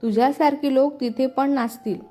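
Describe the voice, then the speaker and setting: A woman's voice: high-pitched, steady tone, moderate pace, dark tone, soft background music, pitched above the performer's own voice, close to an everyday voice. A woman voicing a mischievous young woman who bickers and trades teasing jabs with her sisters, in a read-aloud storybook. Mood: bickering. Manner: quarrelsome teasing.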